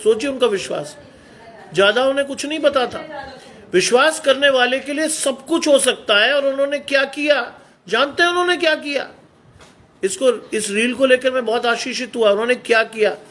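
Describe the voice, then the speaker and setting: A middle-aged male preacher gives a Hindi sermon in a notably high, fairly bright voice at normal speed. He exhorts his listeners, pressing them again and again with rhetorical questions.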